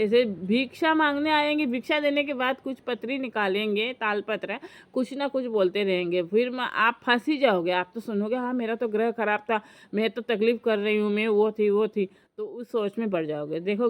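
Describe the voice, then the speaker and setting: A woman from Assam telling a story and giving earnest advice in a chatty vlog. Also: fairly high pitch. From Assam, India. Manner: chatty, retells dialogue, gives earnest advice. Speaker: vlogger. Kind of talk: casual storytelling to camera.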